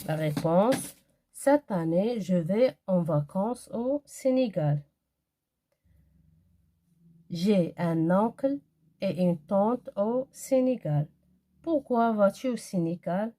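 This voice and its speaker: Female primary teacher, grammar lesson, unhurried careful delivery, soft dark tone. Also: medium pitch, expressive. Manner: slow, careful, spelling out example sentences. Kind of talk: grammar lesson for young children.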